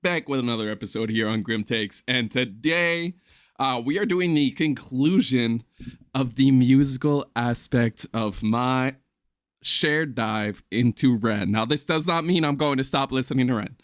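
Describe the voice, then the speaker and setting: A man's voice: mid-range voice, measured pace, no room sound, studio quality. A man hosting a music reaction video, talking casually with filler ums and hiccuping as he goes. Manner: chatty, rambling, with filler ums. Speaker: music reaction channel host.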